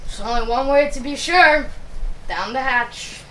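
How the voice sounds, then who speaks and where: A woman's voice: high-pitched, measured pace, pushed and bright. A woman playing a dramatic, dryly teasing talking door in a children's stage musical, with a theatrical manner. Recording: noisy stage recording with clicks.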